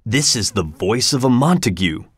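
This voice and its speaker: A man's voice: medium pitch, sing-song, normal speed, breathy edge, no echo, studio quality. Tybalt, a man voicing a fiery young nobleman. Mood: angry. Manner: angry, clipped.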